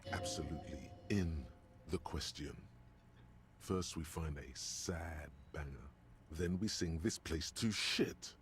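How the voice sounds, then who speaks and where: A man voicing the deep inner narrator of a detective video game, wry and commanding. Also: slow pace, exaggerated voice. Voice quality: deep gravelly voice.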